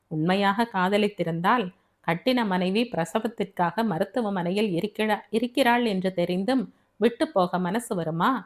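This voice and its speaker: A woman's voice: mid-range voice, lightly acted. A woman doing a stern middle-aged father. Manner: scolding, bitter.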